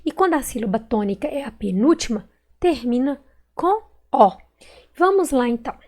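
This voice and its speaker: A high-pitched, animated and slightly mellow voice at normal speed belongs to a woman who teaches primary school in Brazil. With her Minas Gerais accent in Brazilian Portuguese, she works through exercises in a recorded online class, patiently lengthening words and syllables.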